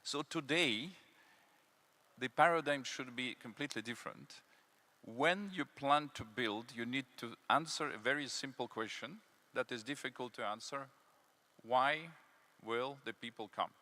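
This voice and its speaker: A man's voice: mid-range voice, measured pace, sharp tone. A middle-aged man with a French-sounding accent speaking on a conference panel, emphatic, with many fillers as he walks through slides. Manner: emphatic, building points step by step. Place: conference hall.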